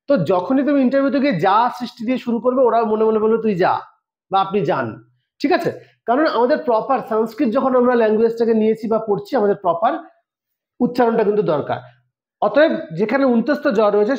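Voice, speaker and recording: Guy teaching an exam prep lesson, super high voice, kinda muffled lo-fi audio. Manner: asks questions and answers them himself, uses everyday analogies. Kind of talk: online exam coaching lecture. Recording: echoey, slightly dull audio.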